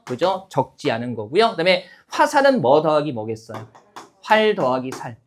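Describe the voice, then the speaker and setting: A man in his fifties lecturing a class of exam-takers, chatty, checking in with the room and acting out students' lines. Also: on the high side. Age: 50s. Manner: animated, acts out students in put-on voices.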